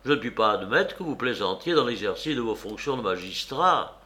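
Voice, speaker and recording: A man playing an indignant arrested gentleman. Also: on the low side, lively intonation, a little fast. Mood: defiant. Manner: indignant, restrained anger.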